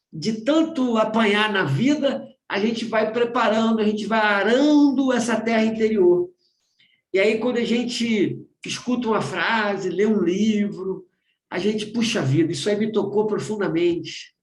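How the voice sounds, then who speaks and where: A Brazilian man with a fairly high voice leads a spiritual study group over a video call. He talks in a loose, conversational way, repeating phrases and asking "né?" again and again. The sound is roomy and echoey. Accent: Brazilian Portuguese. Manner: keeps asking "né?", repeats himself.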